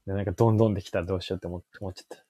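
A man co-hosting a podcast, listening and giving short, relaxed replies in casual chat. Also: low-pitched, rapid-fire, slightly rough, no echo. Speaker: podcast co-host.

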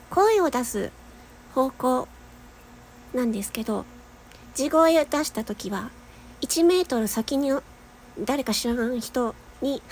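A nasal woman in her young adult years with a slightly high voice talks through a casual voice lesson. She chats easily, laughs often and demonstrates long held notes. Faint noise sits under her. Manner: chatty, laughs often, demonstrates sustained tones. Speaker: voice-training podcaster.

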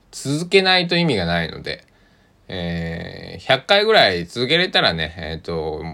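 A deep-voiced man from Kochi, Japan, speaking with a Kochi (Tosa) accent and some vocal fry, hosts a casual solo radio show as a podcast host. He rambles unhurriedly, hesitating often and drifting into soft asides.

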